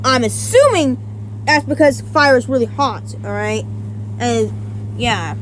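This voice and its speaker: A YouTuber with a high voice gives a casual versus-battle breakdown, speaking a little slowly over a faint background hum on poor audio. She rambles, frequently stops to correct herself and start over, and lets the odd swear word slip.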